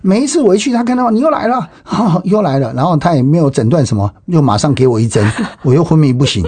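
Recounting his life as an interviewee, this middle-aged Taiwanese Mandarin speaker is emphatic, exclaiming often and repeating himself. His voice is on the high side yet dark and husky, with lively intonation and a quick pace, captured dry and close with no room sound.

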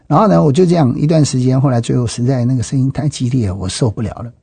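A man's voice: medium pitch, quick pace, gravelly, mellow, slightly rough, dry recording. A middle-aged man with a Taiwanese Mandarin accent tells his own story as a testimony, speaking emphatically and often exclaiming and repeating himself. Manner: emphatic, with frequent exclamations and repetitions. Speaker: interviewee giving personal testimony.

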